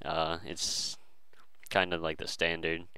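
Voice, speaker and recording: A man's voice: low voice, completely flat delivery, takes it slowly, gravelly, sharp tone, smooth, no echo, low-quality recording. A man casually commentating a strategy game, hesitant and full of fillers and restarts.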